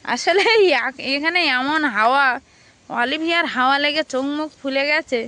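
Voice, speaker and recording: Hoarse lady vlogging outside by a pond, high pitched, chatty, asks lots of questions. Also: moderate pace, bright, forceful tone. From Bengal. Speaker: village vlogger. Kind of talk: casual narration of daily life. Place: outdoors by a village pond.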